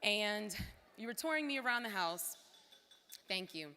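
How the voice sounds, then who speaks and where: A woman's voice: mid-range voice, expressive, a little slow, sharp tone, a little hiss or hum. A woman giving a heartfelt, emotional thank-you speech at a formal gala, with casual asides to the crowd. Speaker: former cultural center director giving a thank-you speech. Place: large hall at a formal gala. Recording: long hall reverb.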